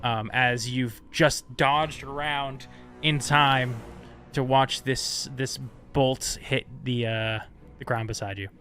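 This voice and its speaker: A man narrating a tabletop game as game master in casual, halting, improvised phrases. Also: mid-range voice, fairly even intonation, pushed and bright, faint music behind.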